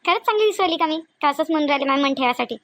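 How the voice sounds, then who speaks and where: Acting out cartoon dialogue in colloquial dialect, this high, fairly bright voice races along with lively intonation as she plays a bashful, worried young bride who is shy, naive and prone to fretful exclamations. She speaks with a Varhadi Marathi accent from Vidarbha, and there's a little hiss or hum.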